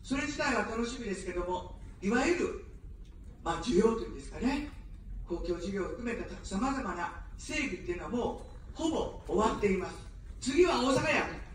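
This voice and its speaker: Her delivery is fairly quick, medium-pitched and lively in intonation as she campaigns outdoors one evening for election. She uses standard Japanese with no accent, moving from jokes to sincere appeals for votes, heard through a distant, very echoey street PA with slight background noise.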